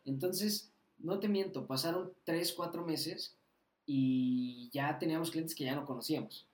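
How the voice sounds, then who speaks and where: A man's voice: fairly high pitch, measured pace. A young man with a Mexican Spanish accent, a podcast guest telling a story in a casual, slangy way with lots of swearing. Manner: slangy, swearing, animated anecdote with acted quotes. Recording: roomy echo.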